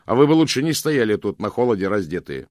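A man voicing a fussy, overly helpful male house guest in an audiobook, brisk, eager and loud. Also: fairly low pitch, sing-song, no echo, studio quality. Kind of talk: audiobook reading.

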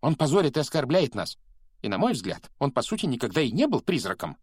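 A man voicing a pompous male ghost in a ruff, speaking in a hurried, indignant way in an audiobook. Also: medium pitch, very animated, slightly rough, no echo, studio quality, pitched above the performer's own voice.

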